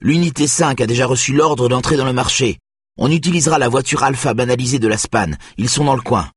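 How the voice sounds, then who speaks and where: A man's voice: medium pitch, a little fast, breathy edge, no room sound, studio quality, voice pushed up, close to an everyday voice. A man doing a focused female police coordinator. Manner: focused and clipped.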